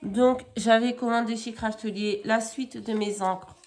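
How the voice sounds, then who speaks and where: Showing off her crafting haul at home, a woman vlogger talks in a chatty, leisurely way, full of fillers, tangents, and self-corrections. Her fairly high voice is slightly mellow, with fairly even intonation.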